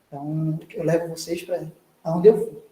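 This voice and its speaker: A woman's voice: low-pitched, steady tone, normal speed, dark tone, distant mic. Brazilian woman lecturing in an echoey room. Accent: Brazilian Portuguese. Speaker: guest lecturer, nephrologist. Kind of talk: clinical lecture and closing thanks. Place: hospital meeting room. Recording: echoey room, speaking away from the mic.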